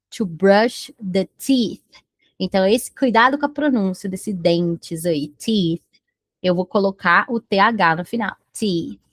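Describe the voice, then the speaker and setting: A woman with a Brazilian Portuguese accent teaching an English lesson, switching between Portuguese and English and slowing down to model each word. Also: mid-range voice, no echo, studio quality. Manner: slow, careful modeling of English pronunciation. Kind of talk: bilingual language lesson.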